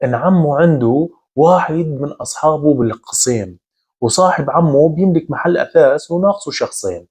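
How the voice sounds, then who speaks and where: A man's voice: fairly high pitch, animated, brisk, a little mellow, husky. A man voicing an eager, broke young friend who talks breezily about a new job. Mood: upbeat.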